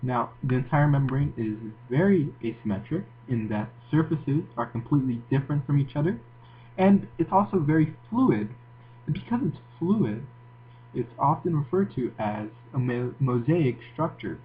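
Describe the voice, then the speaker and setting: Male science tutor, Moroccan accent, mid-pitched voice, informal explainer delivery; narrow, phone-like recording with faint hum. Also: animated, moderate pace. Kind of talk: educational video lecture. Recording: tinny phone-like audio, audible hum and hiss.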